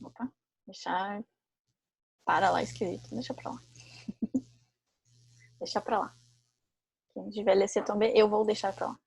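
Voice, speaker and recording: Woman teaching French, husky. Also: mid-range voice, fairly even intonation, a little slow, long pauses, a little mellow. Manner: explains in Portuguese with French examples, corrects herself. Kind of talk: online language lesson.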